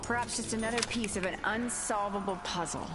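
A woman's voice: medium pitch, a little fast, heavy background noise, natural voice. An actress voicing a sardonic young female heroine in a video game, with a wry, dry delivery. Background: loud game music.

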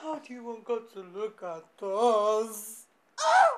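A woman's voice: fairly high pitch, fairly even intonation, slow. An actress playing a pregnant young woman pleading with her lover, tearful.

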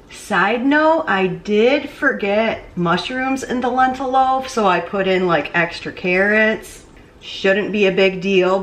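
A woman's voice: medium pitch, far from the mic, a little hiss or hum. Chatty woman cooking in an echoey kitchen. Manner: chatty, talks while cooking and moving around. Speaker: cooking vlogger. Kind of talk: casual cooking vlog. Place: small home kitchen. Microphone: camera mic, distance varies as she moves. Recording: roomy kitchen echo, off-mic at times.

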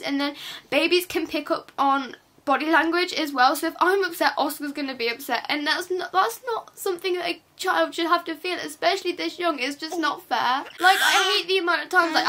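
A teenage woman vlogging at home at night. She talks in a quiet, hushed voice, rambling and restarting in an emotional monologue to camera. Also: high-pitched. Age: teens.

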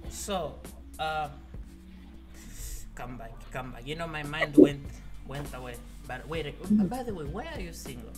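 A man's voice: on the high side, expressive, a little slow, music in the background. A man hosting a trolling video chat, teasing and flirting in a playful put-on persona, talking through a gaming headset in a small bedroom. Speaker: prank video chat host.

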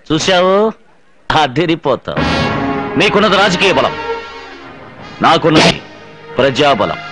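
An actor playing a calm, commanding middle-aged village leader in a dubbed film drama, speaking in measured, authoritative one-liners. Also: male voice, on the high side. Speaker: film hero confronting a minister. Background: film score music.

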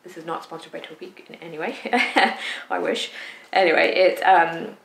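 A woman's voice: on the low side, normal speed, creaky. A woman in her thirties from the UK, a cycling vlogger explaining gear to camera in a chatty way with frequent asides and fillers, recorded seated in a home room. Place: sunny home room with shuttered window. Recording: echoey room with audible noise.

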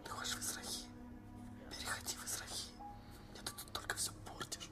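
An actor playing a young male soldier prisoner who speaks curtly and often drops to a hushed whisper. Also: loud music behind the voice, natural voice. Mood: whispered reproach. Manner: quiet, hushed whispering in private talk. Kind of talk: film drama acting.

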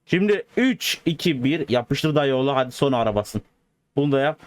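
A man giving casual, excitable gameplay commentary as a video host, joking and bantering in slangy street talk. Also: medium pitch, moderate pace.

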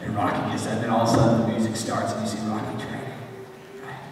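Impassioned preacher in an echoey hall. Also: male voice, lowish voice, monotone, fast talker, distant mic, noisy background. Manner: impassioned preaching, rising and falling intensity. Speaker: pastor. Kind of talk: sermon. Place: church sanctuary.

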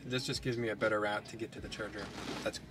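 A young man in his twenties calmly explaining the route while driving a car. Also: on the low side, fast, background noise. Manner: calm, explanatory. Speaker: driver and co-vlogger. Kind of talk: casual chat. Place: inside a moving car. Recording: distant voice under loud music.

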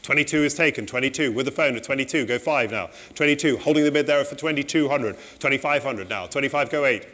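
A middle-aged man working as an auctioneer, calling bids in a saleroom in a brisk, polite, repetitive way. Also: mid-range voice, a bit bright.

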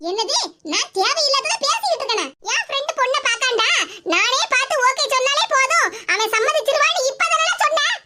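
A woman's voice: very high-pitched, animated, brisk, bright, forceful tone, exaggerated voice. A woman voicing a suspicious old mother who scolds and accuses her son in a Tirunelveli Tamil accent. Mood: angry scolding.

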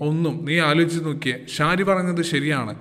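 An earnest, pleading young wife confessing what she has longed for, voiced by a man reading the story. The voice sits a little high, and a long reverb trails after each line. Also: brisk, a bit bright, close to an everyday voice. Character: lonely young wife confessing her longing.

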